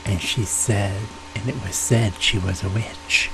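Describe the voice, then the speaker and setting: Slow, creaky, soft-spoken man telling ghost stories. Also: fairly low pitch, fairly even intonation, noisy background. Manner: folksy, unhurried. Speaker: storyteller, ASMR host. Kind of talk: soft-spoken, partly whispered ASMR ghost storytelling.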